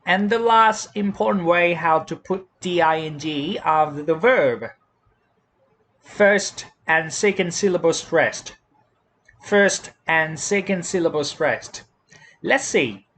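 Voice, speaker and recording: In a slow classroom explanation, a man with a Thai accent walks through English spelling rules at a deliberate pace. His voice is fairly high, expressive and a bit bright, rising and falling widely as he repeats words and spells them letter by letter.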